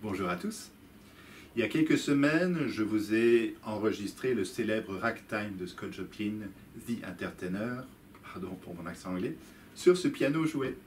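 A man's voice: on the low side, expressive, normal speed. A man with a casual, curious way of talking, thinking aloud as he takes a toy instrument apart for his video channel. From France. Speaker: YouTube musician demonstrating an instrument. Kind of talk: casual talk-to-camera while taking apart a toy. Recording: loud background noise and clicks.

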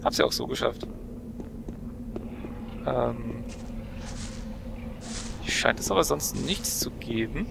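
Thinking aloud while he plays, a young man provides relaxed let's-play commentary, musing along the way. He talks slowly in an animated mid-range voice and pauses often, with game sound clearly present behind him.

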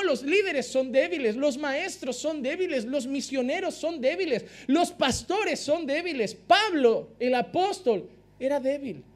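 A male pastor delivers a fervent sermon. His voice sits unusually high, and he drives his points home by repeating phrases again and again. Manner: impassioned preaching, repeats phrases for emphasis.

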